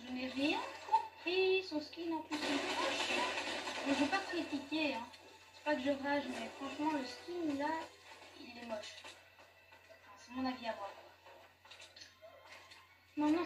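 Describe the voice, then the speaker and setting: A woman with a high voice chats through her gameplay, giggling and stopping to correct herself as she goes. She sits some way from the mic in an echoey room. A faint hiss runs underneath. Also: recorded from a distance. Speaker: gaming YouTuber. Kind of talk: casual gameplay commentary.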